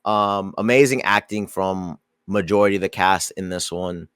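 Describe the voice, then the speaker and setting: A man's voice: sits low, moderate pace, smooth, dry recording, clean studio sound. A man co-hosting a podcast, chatting casually about a movie and often repeating his opening words. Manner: relaxed, repeats words when starting sentences. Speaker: podcast co-host. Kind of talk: casual movie review chat.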